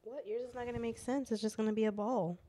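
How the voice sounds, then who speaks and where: A woman's voice: on the high side, steady tone, fast talker, dark tone. A woman guest on a podcast, teasing the hosts in casual chat. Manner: teasing, skeptical banter.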